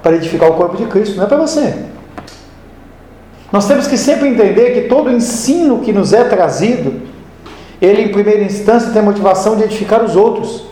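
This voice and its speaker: A man's voice: high voice, expressive, a little fast, dark tone. A man preaching a sermon in a conversational way, mixing scripture with homely stories. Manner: conversational, tells homely anecdotes. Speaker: pastor. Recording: echoey hall with faint noise.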